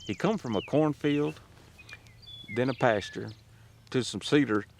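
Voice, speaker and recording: A man, a hunter and father, recounting a hunt out in the field in an animated, laughing way. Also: mid-range voice, unhurried, creaky. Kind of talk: casual chat in the field. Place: outdoors on farmland. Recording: faint outdoor noise.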